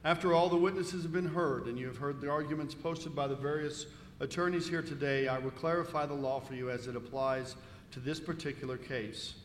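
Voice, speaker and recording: A man's voice: on the high side, steady tone, a little fast, few pauses. A man speaking as presiding judge, giving formal scripted instructions to a jury. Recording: echoey reverberant hall with faint noise.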